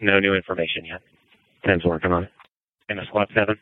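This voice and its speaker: Acting as a fire incident commander, a man gives businesslike, directive orders over the radio in a low voice with fairly even intonation. He talks a little fast. The fireground dispatch audio is narrow and phone-like, with slight background noise.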